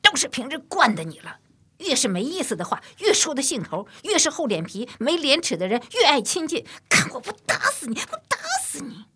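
A woman voicing a quick-tempered young widowed mother in a storybook, scolding in a shrill, lively voice. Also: exaggerated voice. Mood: furious. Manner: scolding, shrill when angry.

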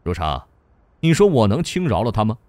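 A man voicing a stern, sarcastic male provincial governor who scolds in a sharp tone. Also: fairly low pitch, very animated, brisk, no room sound, pitched below the performer's own voice. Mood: scolding.

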